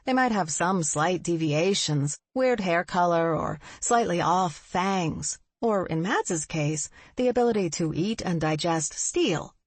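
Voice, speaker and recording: A woman narrating an audiobook in an expressive, husky voice on a close studio mic. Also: lowish voice, measured pace, hardly any pauses, dry recording.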